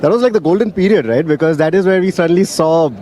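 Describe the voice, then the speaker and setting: A man's voice: a little high, fast, dark tone. A man with an Indian accent chatting casually as an interview guest. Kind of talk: casual chat. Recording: faint outdoor traffic noise.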